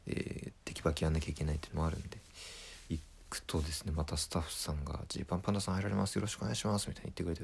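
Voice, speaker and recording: A male comedian tells a story in a casual monologue, retelling it with energy and acting out the quoted lines. His voice is low and gravelly with a breathy edge.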